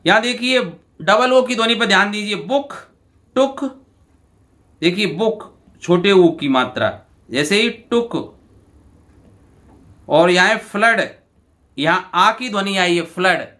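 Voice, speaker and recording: A male teacher, going through exam answers and repeating each word slowly to his students. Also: high voice, expressive, pushed and bright. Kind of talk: exam answer walkthrough lesson.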